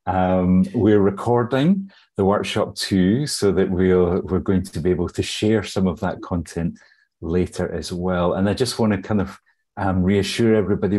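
A man's voice: low-pitched, warm tone, slightly rough. A Scottish man hosting an online workshop on a video call, friendly and hesitant with fillers as he runs through housekeeping. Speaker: host. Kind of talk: webinar housekeeping.

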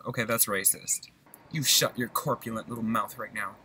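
A man's voice: lowish voice, fairly even intonation, normal speed, bright, forceful tone, a little hiss or hum. A man in his twenties rambling in a goofy, mock-dramatic comic monologue from his parked car, recorded on a laptop. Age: 20s. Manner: goofy, mock-dramatic, jumps between silly voices. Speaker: vlogger. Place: parked car in a parking lot. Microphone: laptop mic.

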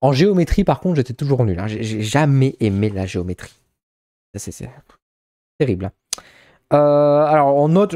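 A man's voice: a little high, mellow, dry recording, clean studio sound. A shy young man with a Ch'ti accent, from northern France, chatting casually in a vlog with many hesitant restarts. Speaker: vlogger.

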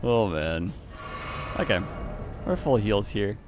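Over music, this male gaming YouTuber narrates his own play in a relaxed, joking way, laughing a lot and greeting the people he encounters. He has a lowish, lively-sounding voice and a slow delivery.

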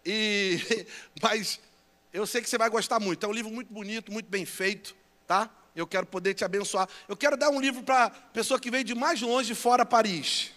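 High-voiced, bright Brazilian pastor joking on stage. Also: male voice, moderate pace. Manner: playful, teasing banter with the audience. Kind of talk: joking stage announcements to a live crowd. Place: large church conference hall. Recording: long echo of a big hall.

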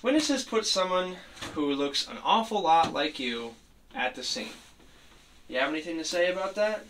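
A man's voice: fairly high pitch, very animated. Man acting as a tough cop, distant noisy recording. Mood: skeptical. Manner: tough cop, pressing, skeptical, halting. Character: tough male cop interrogating a suspect, pressing and skeptical. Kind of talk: amateur acted interrogation scene. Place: small room, camera across the room. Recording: distant mic, noisy room.

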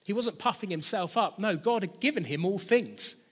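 A male preacher with a somewhat high voice delivers a sermon in an earnest, chatty manner. He often rephrases and repeats his key lines. The voice rings out in a hall with a long reverb. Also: expressive, moderate pace, a bit bright, husky.

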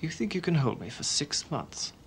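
A man's voice: a little high, big pitch swings, normal speed, a little hiss or hum. An actor playing a defiant, battered male political prisoner who answers in short, curt bursts. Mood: defiant anger.

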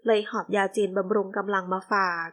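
A woman voicing an older, possessive island boss who speaks slowly and bluntly in a low voice with a Southern Thai accent. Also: little pitch movement, close to an everyday voice. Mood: gruff.

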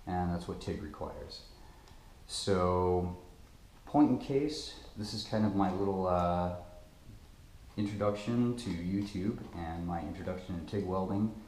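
A man's voice: sits low, unhurried, a little mellow, slight background noise. A young man casually demonstrating a tool he made, talking in a rambling, self-deprecating way with lots of fillers, recorded in a garage. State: sweating. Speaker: maker demonstrating his own tool. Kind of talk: casual product demo. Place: garage, indoors. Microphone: camera mounted close in front. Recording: echoey garage room.

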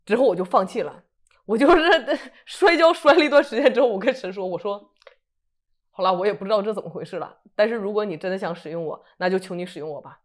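A woman, telling her testimony in a lively, chatty way. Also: medium pitch, fast. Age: 30s. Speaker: guest sharing a testimony. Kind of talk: casual testimony storytelling.

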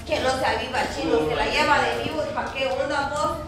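A woman's voice: sits high, fairly quick, a crowd in the background. A woman with a Guatemalan accent who scolds and lectures with exasperation. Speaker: scolding friend. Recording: distant, echoey, noisy.

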